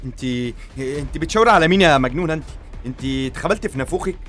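A man's voice: a little high, expressive, rapid-fire, a bit bright, soft background music. A man playing an indignant young groom. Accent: Egyptian Arabic. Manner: defensive, indignant.

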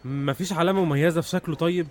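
An actor playing a brusque, sarcastic, intimidating police investigator with an Egyptian accent in a radio drama. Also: male voice, a little high, racing, darkish tone, natural voice. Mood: sardonic questioning.

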